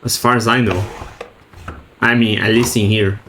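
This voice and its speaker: A man's voice: fairly low pitch, flat delivery, moderate pace, pushed and bright, a little hiss or hum, rough recording. A man streaming a video game, chatting casually and reading in-game notes aloud, stumbling over words. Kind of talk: casual let's-play commentary.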